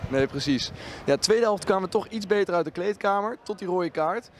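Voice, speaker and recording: A man asks a player questions after a match for his club, in a casual tone. His voice is fairly high for a man, and he often restarts his sentences. He is recorded outdoors at a stadium with faint noise around him. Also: animated, a little fast. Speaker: club interviewer. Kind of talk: post-match interview questions.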